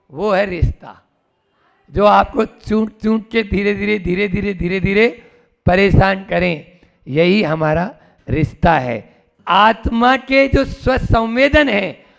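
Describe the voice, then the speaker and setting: A man's voice: high voice, creaky, fairly bright tone. A man, a Jain monk, preaching a sermon with parables and wordplay, prompting listeners to answer him. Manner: plays with words and parables.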